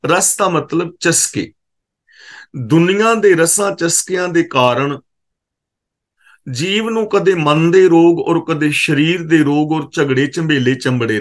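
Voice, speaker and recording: A man giving a katha exposition of scripture, reciting verses slowly and then explaining them word by word, and correcting how the verse words should be pronounced. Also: fairly high pitch, a bit bright. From Punjab, India. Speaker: scripture teacher.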